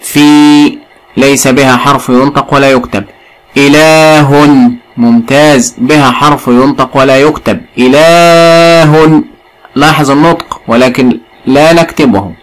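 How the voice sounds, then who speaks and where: A man with an Egyptian accent teaching a recorded lesson to young pupils, spelling words out slowly and praising answers often. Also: medium pitch, a little hiss or hum, low-quality recording. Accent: Egyptian Arabic. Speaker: primary school teacher.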